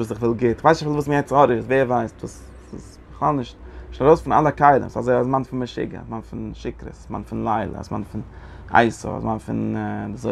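A man teaches a religious text. His voice is gravelly at a middle pitch, and his delivery is halting, with frequent repeats and restarts as he explains. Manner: halting, repeats phrases, mixes Yiddish and Hebrew terms into German. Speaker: Torah teacher. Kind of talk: Talmudic study lecture.

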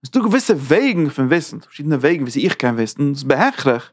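A man teaching a Torah class in a lively lecture style, talking with sudden leaps in pitch. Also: fast talker.

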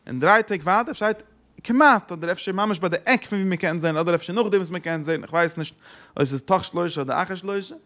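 A man's voice: high-pitched, fast, fairly bright tone. A man giving a religious lesson who asks rhetorical questions and repeats his phrases. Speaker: Torah teacher.

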